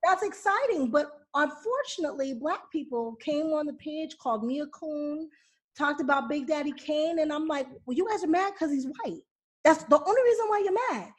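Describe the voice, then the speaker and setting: A high-voiced woman from Pittsburgh hosting a podcast. She chats casually and tells her stories with a lot of expression, and her voice lifts when she acts out what someone said. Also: expressive, moderate pace. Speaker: podcast host. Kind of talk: casual interview chat.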